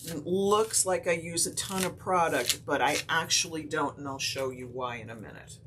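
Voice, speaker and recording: A woman teaching a craft technique on a live stream, explaining each step in a relaxed, chatty way with lots of fillers and short hiccups. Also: low-pitched, normal speed, noisy background. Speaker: craft instructor.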